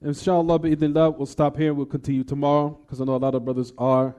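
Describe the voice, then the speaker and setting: A quick-paced male voice, a little high with little pitch movement and a dark, clean tone, teaches a religious lesson. The Islamic teacher reads quoted text before explaining it and poses rhetorical "what?" questions to the class. He alternates English with recited Arabic.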